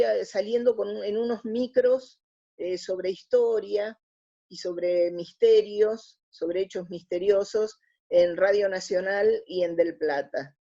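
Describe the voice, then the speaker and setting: Heard on dull, lo-fi audio, this interview guest is a middle-aged woman from Argentina whose voice is gravelly, dark, and low-key, with an Argentine Spanish accent. Her casual, reflective answers come hesitantly as she gropes for the right words.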